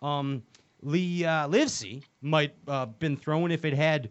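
A man hosts a casual fishing chat, joking and rambling with plenty of fillers and restarts. His voice is a little high and unhurried, and the recording has a dull lo-fi sound.

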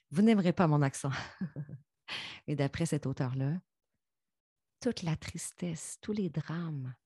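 Low husky Québécois woman coaching listeners. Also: mellow, no echo, studio quality. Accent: Québécois French. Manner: earnest, coaching, addresses listeners directly with English asides. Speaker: self-help speaker. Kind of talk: motivational talk to viewers.

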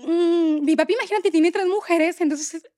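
High-voiced Mexican woman telling her story. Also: moderate pace, no echo, clean studio sound. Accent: Mexican Spanish. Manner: expressive, tearful at moments, colloquial. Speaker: guest. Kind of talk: emotional storytelling.

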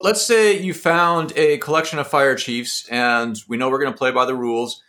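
A man hosts the conversation with a middle-pitched voice. He frames long, probing questions that come in several parts and pushes the guest for specifics. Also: fairly even intonation, moderate pace, sharp tone. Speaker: interviewer. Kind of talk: interview questions.

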